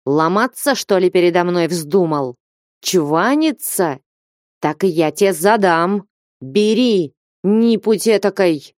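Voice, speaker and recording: A stern, commanding old merchant gives orders in a low, mellow voice, as a woman narrator reads him. His warnings come slow and heavy, and the dry, close recording keeps every word near. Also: expressive, no echo. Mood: angry. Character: stern older merchant man, gruff and commanding.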